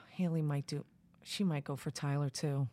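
A woman's voice: low voice, steady tone, unhurried, mellow, no echo. Chatty Long Island woman podcaster. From Long Island, New York. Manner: chatty, agreeable, trails off. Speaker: podcast co-host. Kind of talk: casual chat.

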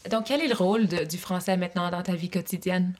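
A young woman asking interview questions and narrating in a clear, measured way. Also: fairly low pitch. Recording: faint music behind.

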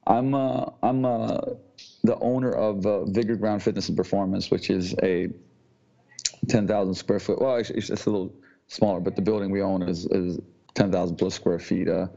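A man from Slovenia, a gym owner speaking as a podcast guest in a halting way, often repeating words before going on. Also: sits low, fairly even intonation, vocal fry, mellow. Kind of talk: casual interview talk. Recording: dull lo-fi audio.

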